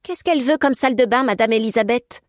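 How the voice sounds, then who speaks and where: A woman's voice: a little high, quick pace, dry recording, studio quality, pitched above the performer's own voice, close to an everyday voice. A woman voicing a timid, naive old housemaid who is easily surprised and flustered in an audiobook. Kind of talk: audiobook character voice.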